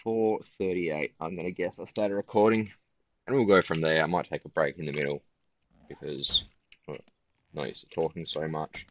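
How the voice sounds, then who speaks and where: A tired man giving casual gameplay commentary in a flat, musing way. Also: a bass voice, moderate pace, slight background noise. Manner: self-described monotone, relaxed and musing.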